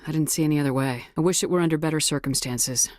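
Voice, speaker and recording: Female military commander for a game, played by an actress: low register, clipped, no-nonsense authority, very dry recording. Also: quick pace, a little mellow, no echo, close to an everyday voice. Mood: serious, controlled. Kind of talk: video game dialogue acting.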